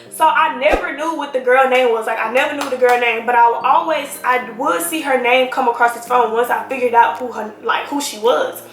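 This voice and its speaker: A woman's voice: high voice, a bit bright, roomy sound, slight background noise. A woman telling a personal story in a casual, sarcastic, slangy way.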